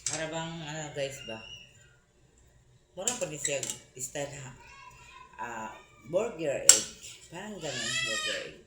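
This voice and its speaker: Woman, cooking vlogger, slow and chatty, polite to viewers, echoey kitchen with loud clattering dishes. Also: low voice, huge pitch swings, heavy background noise. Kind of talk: casual cooking vlog.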